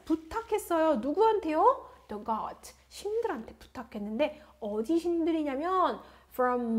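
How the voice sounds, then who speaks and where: Lively high-voiced woman teaching words. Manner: explains English words in Korean, reads each word twice; asks the class questions and answers them herself. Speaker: English teacher. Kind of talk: vocabulary lesson.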